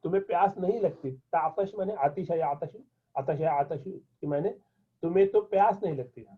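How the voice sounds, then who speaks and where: Husky-voiced man teaching over tinny audio. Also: a little high. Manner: reads an Arabic phrase slowly, then translates and explains it. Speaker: Arabic teacher. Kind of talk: classroom lesson explaining Arabic in Urdu. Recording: tinny phone-like lo-fi sound.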